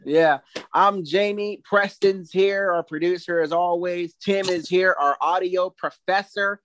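A man's voice: sits high, steady tone, measured pace, fairly bright tone, slight background noise. A man hosting a podcast from a studio, in an upbeat, loose, chatty way. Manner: upbeat, loose, laughs easily. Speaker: host. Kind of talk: casual podcast chat.

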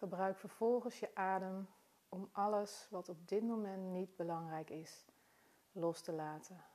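A woman guiding a body-scan meditation in a soft, calm, soothing manner, unhurried and with long pauses between phrases. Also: mid-range voice. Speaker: meditation guide.

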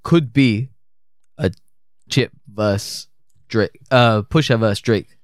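A man's voice: fairly low pitch, slow, no echo, studio quality. A young man, co-hosting a podcast, who keeps repeating phrases and talking over the others. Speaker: podcast co-host. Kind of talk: casual chat.

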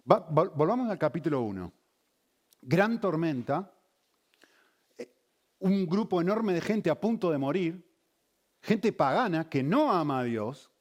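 Lively, questioning preacher man. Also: a little high. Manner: engaging, asks the congregation many questions. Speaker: pastor. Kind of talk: sermon.

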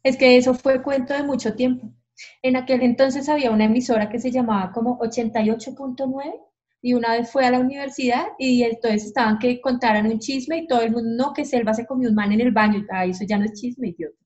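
A woman's voice: on the high side, steady tone, fast talker, a little mellow. A woman telling her stories as a podcast guest, frankly and with animation, acting out the voices she quotes. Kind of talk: candid storytelling. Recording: dull lo-fi sound.

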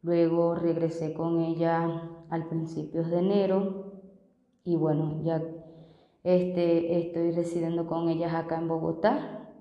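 Woman in her thirties, from Venezuela, slow halting testimony, dull echoey recording with long reverb. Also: deep voice, little pitch movement. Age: 30s. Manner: hesitant, halting, many fillers. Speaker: street vendor giving testimony. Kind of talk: personal testimony.

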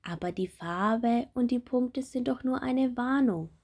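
A woman voicing a brisk, busy ladybug in a children's story. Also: a little high, a little mellow, breathy edge, pitched above the performer's own voice.

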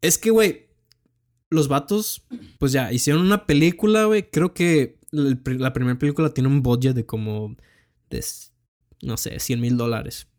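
A man's voice: mid-range voice, moderate pace, a little mellow. A young man with a Mexican accent, chatting casually about films with plenty of slang and swearing. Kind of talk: casual film chat.

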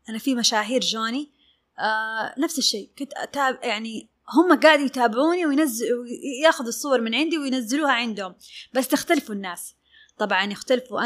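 A woman, a fashion designer giving a lively interview and acting out her clients' words. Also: fairly high pitch. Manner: animated, acts out clients' words. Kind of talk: casual interview talk.

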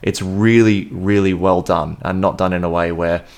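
A man's voice: low voice, fairly even intonation, moderate pace. A man co-hosting a podcast, chatting enthusiastically about a film and often restarting his sentences. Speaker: podcast co-host. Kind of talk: casual film review chat.

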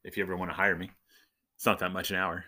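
A low, bright voice belongs to this fast-talking adult podcast host, whose delivery stays flat. He's a husband, father and church minister, and his casual monologue is jokey and humorous, with him describing himself as a nerd.

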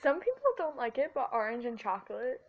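A woman's voice: a little high, animated, brisk, highs cut off. A woman co-hosting a casual podcast, chatty and giggly, talking over a headset mic. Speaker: podcast co-host. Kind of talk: casual chat. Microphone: headphones with mic.

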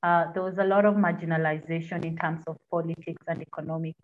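A woman from South Sudan, a feminist activist, speaking as a guest in a podcast interview in an emphatic, expressive way. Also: low voice, quick pace, a little hiss or hum. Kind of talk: conversational interview. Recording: tinny phone-like line.

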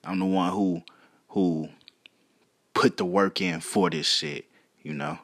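A man with a deep voice hosts a casual solo podcast. He rambles at a slow pace, full of slang and swearing. The recording is dry, with little room sound. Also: big pitch swings, vocal fry, no echo. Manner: foul-mouthed, slangy, rambling. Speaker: podcast host.

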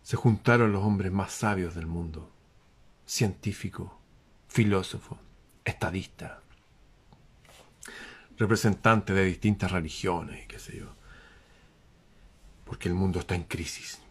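A man giving a lively spiritual talk to an audience, asking rhetorical questions and dropping suddenly to a hush. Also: low-pitched, unhurried, long pauses, husky. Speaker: motivational speaker.

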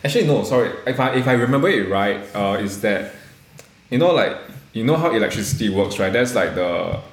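A man's voice: fairly low pitch, lively intonation, brisk. A young adult Singaporean man co-hosting a podcast, chatting casually in colloquial Singlish. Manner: Singlish, colloquial particles and clipped grammar. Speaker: podcast co-host. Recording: roomy, echoey sound.

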